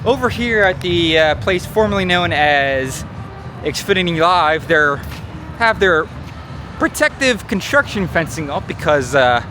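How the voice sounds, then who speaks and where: A man's voice: a little high, big pitch swings, a little slow, sharp tone, faint music behind. An American man hosting a vlog, chatting casually as he walks along outdoors. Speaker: vlog host. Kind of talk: casual walk-and-talk chat. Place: outdoors, walking by stadium lots. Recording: noisy outdoor recording with traffic ambience.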